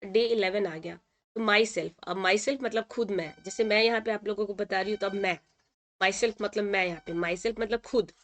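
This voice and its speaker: A woman teacher talks through a lesson at an even, medium pitch. She repeats each word slowly and checks in often with short confirmations. Her manner is patient and steady. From India. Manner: patient, repeats words and says "ठीक है" often. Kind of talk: explaining a textbook lesson in Hindi.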